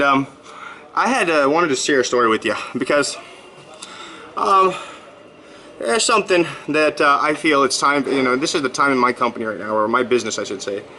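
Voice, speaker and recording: Man, 30s, bright forceful voice, rambling upbeat vlog talk, faint background noise. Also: medium pitch, low-quality recording. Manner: rambling, upbeat, many fillers and restarts. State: just finished a workout. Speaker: blogger. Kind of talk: casual vlog monologue.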